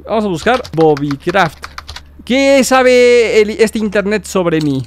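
Hombre de voz muy aguda y animada. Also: male voice, sits high, a little hiss or hum. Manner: excitable, shouts in alarm and reads on-screen text aloud. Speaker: gaming YouTuber. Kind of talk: gameplay commentary.

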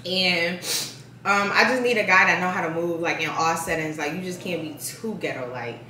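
A woman's voice: fairly low pitch, normal speed, pushed and bright, a little hiss or hum. A young woman vlogger chatting casually while she eats, saying "like" constantly. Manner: chatty, heavy use of "like", talks while eating. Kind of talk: casual mukbang chat. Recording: echoey room, mic at a distance.

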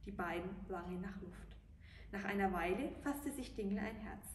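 Brief: woman narrating a fairy tale gently, mid-pitched, mic a little far off in an echoey room. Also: normal speed. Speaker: storyteller. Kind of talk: reading a children's story aloud. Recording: roomy, distant mic, faint hiss.

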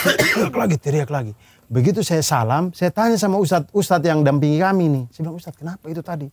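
A man's voice: on the high side, animated, brisk, no echo. An Indonesian man in casual podcast chat, telling a firsthand story earnestly and acting out a scream he heard.

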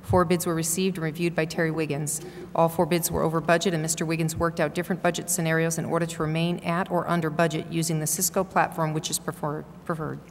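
A woman's voice: deep voice, level tone, quick pace, hardly any pauses. A woman in her forties, a town councilor reading meeting minutes aloud at a desk microphone. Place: large indoor council chamber. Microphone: gooseneck desk microphone. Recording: echoey council chamber with noise.

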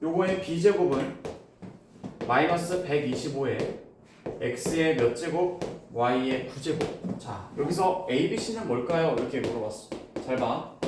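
A man teaching a classroom math lesson, explaining step by step and firing quick questions at his students. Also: a little high, noisy background. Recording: echoey room, voice from far off.

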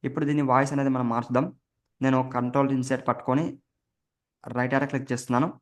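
A man's voice: mid-range voice, little pitch movement, racing. A man hosting a computer tutorial, explaining each keystroke as he presses it in a casual way. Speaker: tech tutorial host. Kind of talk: step-by-step screen recording tutorial.

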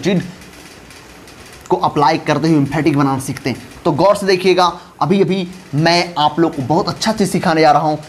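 A man's voice: fairly high pitch, slight background noise. Emphatic man teaching grammar, repeating terms. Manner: emphatic, repeats key terms, drills students. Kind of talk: classroom lecture mixing Hindi and English.

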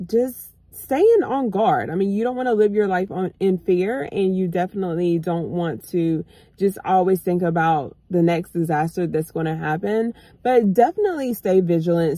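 A woman's voice: on the low side, dark tone, no room sound. Chatty woman vlogging from her car. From United States. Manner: chatty, addresses viewers as y'all. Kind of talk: casual chat to camera. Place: parked car, indoors. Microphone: phone camera on dashboard.

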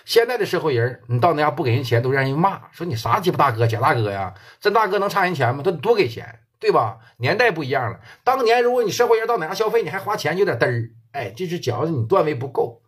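A male storyteller with a Northeastern Mandarin accent spins his tale in loose, colloquial talk full of swearing. His voice is husky, and his pitch jumps about animatedly. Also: sing-song, fast, hardly any pauses. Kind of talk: oral storytelling.

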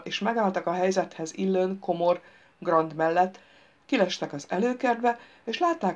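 A woman reading a humorous novel aloud as an audiobook, with lively, wry storytelling, on a dull lo-fi recording. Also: medium pitch. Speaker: audiobook narrator.

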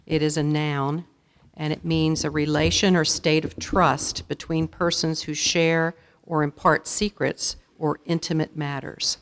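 A woman serving as a spelling bee pronouncer in a school auditorium, saying each word slowly and deliberately and reading out definitions. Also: low voice, little pitch movement. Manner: slow, deliberate, repeats each word clearly.

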